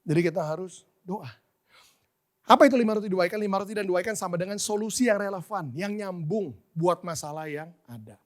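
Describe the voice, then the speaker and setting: High-voiced preaching man. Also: brisk. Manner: emphatic, rhetorical questions, mixes in English. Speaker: guest preacher. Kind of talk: sermon.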